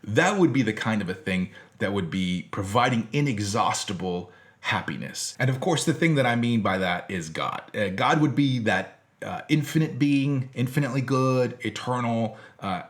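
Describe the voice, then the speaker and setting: In a mid-range, expressive voice at normal speed, an American teacher presents an informal philosophy lecture directly to his audience, keeping it conversational and emphatic.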